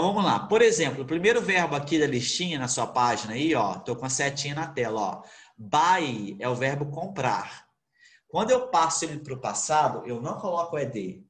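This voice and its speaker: A man, an English teacher, explaining grammar in an online class, asking questions and answering them himself. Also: medium pitch. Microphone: computer mic on video call. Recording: roomy video call audio.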